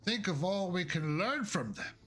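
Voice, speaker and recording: A man voicing a calm, curious male android scientist in a tabletop game, speaking in a gentle, measured way with a soft laugh. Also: high-pitched, soft background music, voice pushed up. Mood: wistful.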